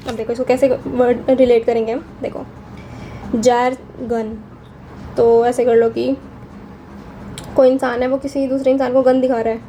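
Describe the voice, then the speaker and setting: Young woman running a chatty vocab lesson, bit high, mellow tone, faint hiss behind. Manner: chatty, checks in with frequent "theek hai". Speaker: vocabulary teacher. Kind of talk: casual Hinglish lesson.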